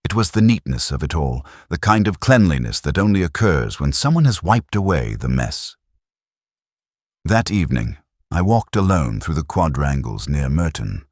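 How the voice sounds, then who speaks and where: This is a full character performance: a pensive, melancholy detective narrates his own case, his delivery reflective and literary like a mystery drama. The man's voice is extremely low yet lively in pitch, and the recording is dry.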